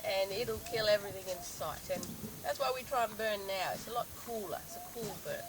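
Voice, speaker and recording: A park ranger from northern Australia leads a guided bush walk outdoors, explaining things at an unhurried pace, pausing with ums and restarting sentences. Her medium-pitched voice is slightly hoarse, as though she's losing it. The low-quality recording carries clear natural background noise.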